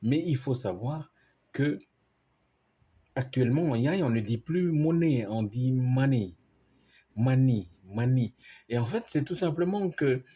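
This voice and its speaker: A man's voice: mid-range voice, lively intonation, unhurried, mellow, husky. A man teaching a language lesson, explaining words patiently and spelling them out letter by letter.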